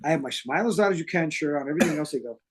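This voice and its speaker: A man's voice: on the high side, expressive, rapid-fire, breathy edge. A man hosting a chat show, talking enthusiastically and heaping praise on his guest. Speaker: talk show host. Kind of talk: casual interview chat.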